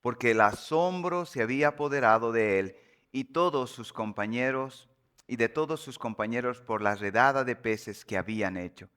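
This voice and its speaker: A man, a pastor, reading scripture aloud in a sermon, measured and solemn with slow, emphatic pauses. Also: medium pitch, a bit bright.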